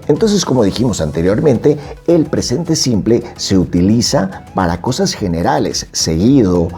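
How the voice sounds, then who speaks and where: A man whose first language is Spanish, teaching an English grammar lesson in a slow, measured way. His low, warm voice swings widely in pitch as he stresses key words and repeats the drill phrases. Faint music plays under him.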